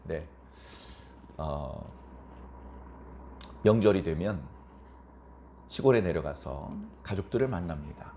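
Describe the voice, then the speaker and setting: A man's voice: sits low, animated, takes it slowly, long pauses, mellow, slight background noise. A man preaching a Sunday sermon as pastor, speaking conversationally, asking rhetorical questions and acting out quoted elderly parents.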